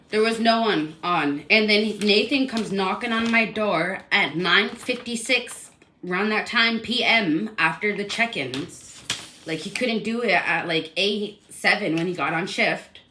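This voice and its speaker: A woman's voice: medium pitch, sharp tone, slight background noise. A woman telling a personal complaint story in a casual, rambling, indignant way, full of fillers.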